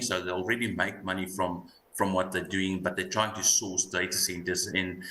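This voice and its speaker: A man with a broad South African Afrikaans accent gives unscripted market commentary as a guest analyst, haltingly, repeating words as he thinks. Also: low-pitched, sharp tone. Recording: roomy echo, light background noise.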